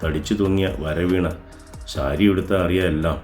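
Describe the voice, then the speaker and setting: A man's voice: low voice, fairly even intonation, moderate pace, reverberant, soft background music, natural voice. A man voicing a contemptuous husband who heaps insults on his wife. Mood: angry scorn. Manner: scornful, shouting insults.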